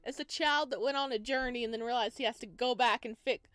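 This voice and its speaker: A woman's voice: a little high, fast talker, fairly bright tone, dry recording, clean studio sound, soft background music. A woman let's player reading visual novel narration aloud and breaking off into casual commentary. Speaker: let's play streamer. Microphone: wearing headphones.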